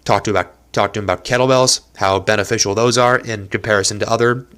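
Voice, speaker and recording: His voice is lowish, steady, and a bit bright, and he talks fast. A young man, he hosts a rambling, self-deprecating solo podcast in a small apartment while his allergies leave his nose stuffed up.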